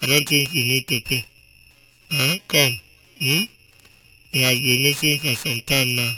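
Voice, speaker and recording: Over poor-quality audio, a Nigerian Pidgin English-accented man runs a relaxed call-in radio program in a steady, mid-range voice at a slightly slow pace. He keeps things chatty and caps every point with a questioning "eh?".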